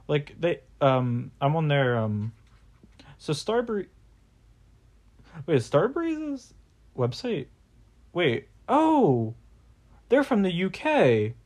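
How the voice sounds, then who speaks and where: A man's voice: on the high side, wildly swooping pitch, slow, pauses often, a little mellow. A young man hosting a casual podcast, rambling with lots of fillers and offhand swearing. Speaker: podcast host.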